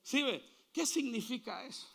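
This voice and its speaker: A male pastor preaching a sermon, asking the congregation to repeat after him and building to loud, fervent calls. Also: extremely high pitch, expressive, moderate pace, creaky. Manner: call-and-response preaching, building to shouts.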